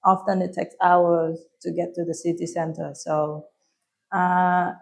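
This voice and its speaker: A woman in her thirties with a Vietnamese accent, answering interview questions in English softly and with frequent hesitations. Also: lowish voice, level tone, a little slow, creaky. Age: 30s. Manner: soft-spoken, hesitant with frequent ums. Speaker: guest.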